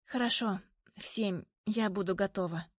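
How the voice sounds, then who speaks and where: A woman voicing a timid, easily frightened young woman in an audiobook, speaking high and hesitantly. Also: steady tone, a little slow, no room sound, studio quality, natural voice. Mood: timid, anxious. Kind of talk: audiobook reading.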